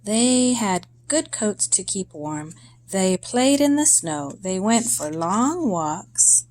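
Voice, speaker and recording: A woman reads a children's story aloud deliberately and expressively, in short phrases broken by pauses. Her voice is mid-range, with a little hiss or hum in the recording.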